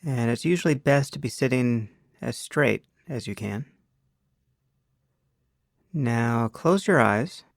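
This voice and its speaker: A man with a mid-pitched, noticeably creaky voice leads a guided meditation, giving measured, unhurried instructions with long pauses between phrases. The recording is very dry, with no room sound on the voice.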